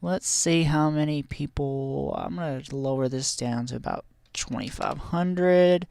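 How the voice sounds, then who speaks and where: A man's voice: on the high side, unhurried, creaky, a little mellow, clear, resonant tone, no room sound. A man streaming a park-building game, talking casually through a headset at home with lots of fillers and restarts. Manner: rambling, chatty, many fillers and restarts. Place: home room with a heater.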